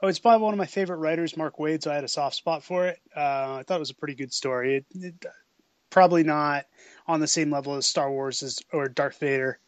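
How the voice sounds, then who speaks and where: An easygoing male co-host chats on a podcast in a somewhat higher voice. He adds relaxed promotional asides between jokes. The recording is dry. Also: quick pace, dry recording. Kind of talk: casual podcast chat.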